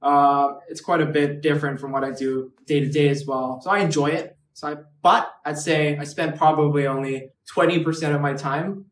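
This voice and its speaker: Recorded from a distance in an echoey room with a bit of background noise, this podcast guest is a twentysomething man from Hong Kong. He speaks at a normal pace with few pauses, his fairly high voice keeping a fairly even intonation, and peppers his casual talk with "like" and "right."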